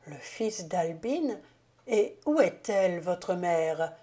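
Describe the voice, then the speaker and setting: A woman's voice: fairly low pitch, expressive, slow pace, dark tone. A woman reading a grave, tender stranger. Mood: earnest, tender.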